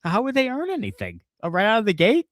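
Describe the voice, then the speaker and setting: A man hosts a casual sports podcast, talking in a lively, swinging voice that rises and falls a lot. He rants with plenty of swearing. The sound is close and dry. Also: high-pitched, fast talker, no echo. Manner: animated, profane ranting. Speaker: podcast host.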